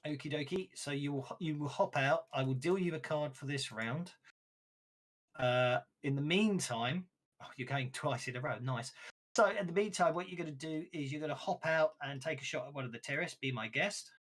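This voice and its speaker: Male game master, lightly higher voice, chatty and loose. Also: normal speed, a bit bright. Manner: chatty, frequent restarts and laughs. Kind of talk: running a tabletop game.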